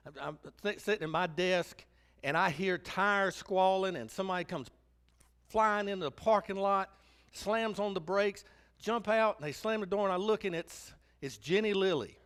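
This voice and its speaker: A man preaching a sermon as pastor, telling stories animatedly and acting out the quotes. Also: high voice. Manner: animated storytelling, acts out quotes.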